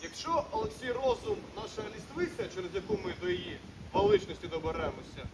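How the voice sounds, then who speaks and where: A man's voice: very high voice, wildly swooping pitch, quick pace, gravelly, noisy background, exaggerated voice. A man playing an earnest Cossack leader in a historical stage performance. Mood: solemn. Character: Cossack leader awaiting the empress. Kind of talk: historical theatre acting.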